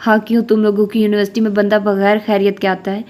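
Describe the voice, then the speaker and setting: A woman's voice: medium pitch, little pitch movement, darkish tone, lightly acted. A woman reading the lines of an easygoing young man in an audiobook novel. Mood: breezy. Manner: easygoing, offhand. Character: young man, breezy university visitor.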